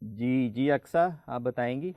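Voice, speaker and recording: A man hosting a children's program, patiently quizzing the kids and slowly spelling out letters for them to pronounce. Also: medium pitch, fairly even intonation, no echo, phone-quality sound. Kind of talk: friendly studio hosting for children.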